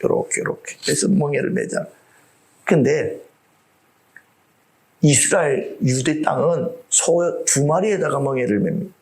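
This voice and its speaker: A man from South Korea preaching a sermon to his congregation. He swings between loud outbursts and whispered asides and acts out the voices he quotes. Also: a little high, normal speed, vocal fry, long pauses. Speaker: pastor. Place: church before a live congregation.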